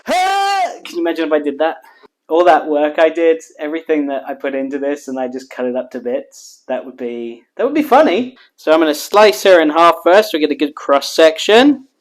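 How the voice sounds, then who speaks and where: A man hosting a cooking vlog, walking through a burger recipe in calm voice-over and then tasting it on camera with loud, joking enthusiasm. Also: a little high, a little fast. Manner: energetic and jokey, exclaims while tasting; calm, steady instruction in voice-over. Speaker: cooking show host.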